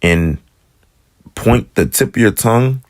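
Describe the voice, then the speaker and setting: A man giving a relaxed, rambling lesson on Hebrew letters, slowing down to sound out letters and repeat them. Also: fairly low pitch, dry recording, studio quality. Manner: relaxed, rambling explanations with slow drawn-out sound demonstrations. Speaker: Hebrew teacher. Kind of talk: casual spoken lesson.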